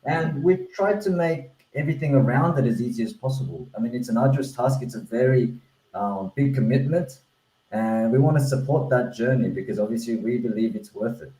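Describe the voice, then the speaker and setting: A mellow-voiced man of medium pitch talks fairly quickly on a video call with noticeable room echo. Originally a Korean speaker and now from Australia, he is the founder of a language-learning platform, presenting it in an online webinar. He sounds earnest, restarting often and using plenty of fillers.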